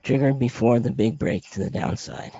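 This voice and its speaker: A man with a raspy, papery, hoarse voice presenting an informal slide lesson as an instructor, plain-spoken and conversational. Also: mid-range voice, moderate pace, warm tone, slight background noise. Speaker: trading instructor presenting a webinar. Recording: dry, muffled lo-fi audio.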